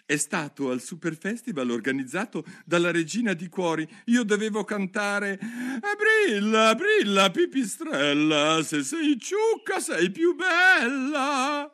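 Male narrator as an indignant, excitable hatter: high, loud, bright, sing-song outbursts. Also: normal speed, hardly any pauses. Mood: theatrical. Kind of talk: audiobook reading.

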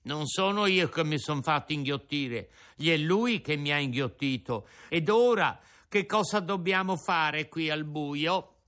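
A man's voice: on the high side, lively intonation, a little slow, hardly any pauses, a bit bright, pitched above the performer's own voice. A man voicing a frightened, tearful wooden puppet boy in a storybook reading, with a whiny, pleading voice. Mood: scared.

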